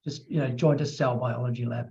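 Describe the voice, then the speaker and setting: A middle-aged man hosting an interview podcast, chatty and animated, acting out little quotes as he talks. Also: mid-range voice, brisk, creaky. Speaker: podcast host. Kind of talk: casual interview chat. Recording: dull lo-fi sound.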